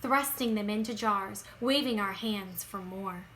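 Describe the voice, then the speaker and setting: With slight background noise behind her, a woman reads a children's picture book in a vivid, theatrical style, lengthening words for effect and alternating hushed lines with bursts. Her voice is mid-range and her pace measured.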